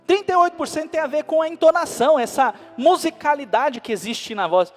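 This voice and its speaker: A man preaching a sermon, animated, pushing his voice up for emphasis. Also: extremely high pitch, a little fast. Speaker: pastor. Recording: long hall reverb with faint music.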